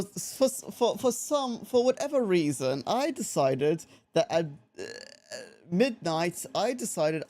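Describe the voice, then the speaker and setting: A young Australian man with a slightly high, somewhat mellow voice chats casually while livestreaming a game. He rambles, laughing often and restarting his sentences.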